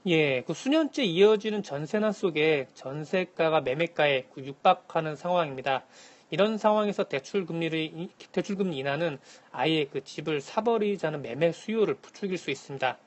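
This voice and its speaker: A man calling in to a radio show as a correspondent, giving a formal, scripted economic briefing in a measured manner. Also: a little high, lively intonation. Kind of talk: scripted news briefing, answering by phone. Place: phone link to a radio programme.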